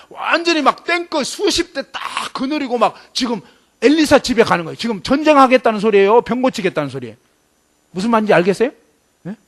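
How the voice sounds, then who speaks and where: A man with a strikingly high voice delivers a sermon to students. He talks emphatically, tossing question after question at his listeners. He brings scenes to life as he acts them out. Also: fairly bright tone. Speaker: preacher at a student camp.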